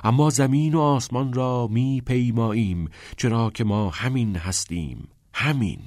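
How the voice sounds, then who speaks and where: A man voicing an earnest teenage schoolboy who recites a poem in a serious, measured way. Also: medium pitch, a little mellow, dry recording, clean studio sound, close to an everyday voice. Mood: solemn. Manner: serious, measured, thoughtful reading.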